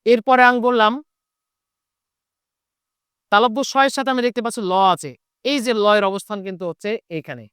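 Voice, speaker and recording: A man's voice: very high-pitched, lively intonation, a little fast, long pauses, fairly bright tone, smooth, no room sound, clean studio sound. A Bengali teacher with a Chapainawabganj accent gives an online lesson. He repeats key points and asks and answers his own questions. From Chapainawabganj, Bangladesh.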